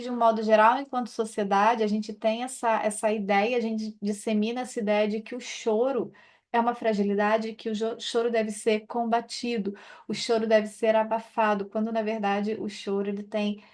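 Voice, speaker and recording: Uma mulher com sotaque brasileiro, terapeuta, comentando um livro num tom de conversa, com muitas hesitações e recomeços. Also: female voice, fairly high pitch, level tone, normal speed, darkish tone. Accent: Brazilian Portuguese. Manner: hesitant, many fillers and restarts. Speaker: therapist reading and commenting on a book. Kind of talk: informal spoken commentary on a book chapter.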